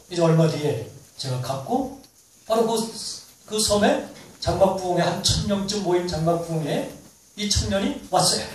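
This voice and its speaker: 울림 큰 교회에서 설교하는 남자 목사. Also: male voice, a little hiss or hum. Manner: animated storyteller, acts out dialogue with rising pitch. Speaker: pastor. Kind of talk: sermon storytelling. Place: church hall. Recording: echoey church hall, distant mic.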